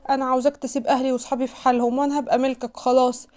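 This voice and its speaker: A woman's voice: high-pitched, little pitch movement, racing, a little mellow, pitched above the performer's own voice, lightly acted. A woman with an Egyptian Arabic accent voicing a poor, frightened young woman who pleads timidly. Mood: pleading.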